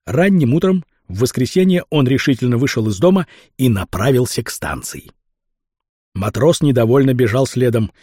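A man reading a storybook aloud as scripted narration, in a lively, expressive way. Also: medium pitch, normal speed, breathy edge, no echo, studio quality. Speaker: audiobook reader.

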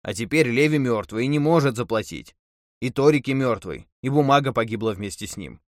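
A man's voice: mid-range voice, lively intonation, a little fast, no echo, clean studio sound, natural voice. A man voicing a timid island husband in an audiobook, defensive and faltering. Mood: weary.

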